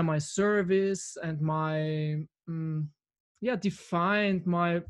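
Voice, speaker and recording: A man from Austria, giving an earnest, halting talk over a video call from his home camera. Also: high-pitched. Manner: earnest, halting with fillers and restarts. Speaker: devotee lecturer.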